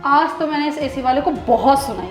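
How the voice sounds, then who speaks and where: A woman's voice: sits high, lively intonation, fairly quick, echoey room, soft background music. A woman acting as an accused wife in a comic skit, protesting and pleading.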